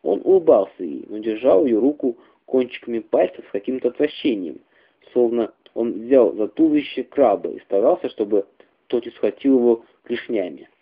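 A man's voice: mid-range voice, lively intonation, moderate pace, husky. Man reading a story on radio. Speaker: reader. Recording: tinny phone-like radio recording.

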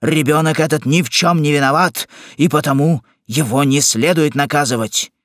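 A man's voice: fairly high pitch, normal speed, fairly bright tone, dry recording, clean studio sound, close to an everyday voice. A man voicing an upright male sergeant who reproaches a bully firmly in an audiobook. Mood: indignant. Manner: firm, reproachful. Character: indignant upright male sergeant, defends the weak. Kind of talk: audiobook character reading.

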